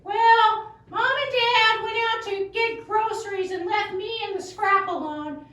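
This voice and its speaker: A woman voicing an excitable young male pet dog in a children's puppet show, chatty and dramatic. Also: very high voice, full character voice. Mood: storytelling. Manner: chatty, dramatic, drawn-out storytelling. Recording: echoey room from far off.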